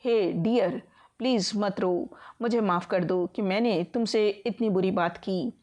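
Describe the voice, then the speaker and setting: A woman's voice: mid-range voice, a little slow, a little mellow, close to an everyday voice. A woman voicing a remorseful young man begging his girlfriend's forgiveness in an audiobook story. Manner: pleading, apologetic.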